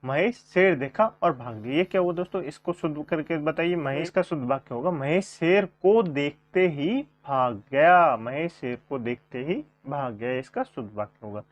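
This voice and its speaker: A man's voice: on the high side, animated, fairly quick, few pauses. Male teacher drilling sentence corrections. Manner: repeats questions and answers, addresses viewers as friends. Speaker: Hindi grammar teacher. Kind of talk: online coaching class lesson. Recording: dull lo-fi sound.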